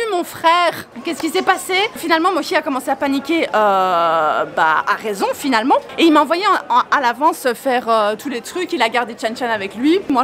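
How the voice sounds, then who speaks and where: A young woman vlogger telling a story in a casual, animated, exasperated way and swearing freely. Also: on the high side.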